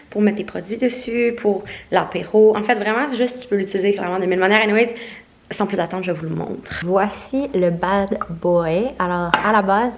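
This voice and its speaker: A young woman with a Québécois French accent, vlogging casually and mixing in English words. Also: mid-range voice. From Quebec. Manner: chatty, mixes in English words. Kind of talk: casual vlog.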